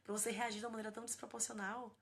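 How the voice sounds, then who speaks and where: A woman's voice: fairly high pitch, level tone, rapid-fire, creaky. A woman in her thirties from Brazil, a parenting educator chatting casually on a phone live stream and answering viewers by name. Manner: warm, earnest, addresses viewers by name and as "gente".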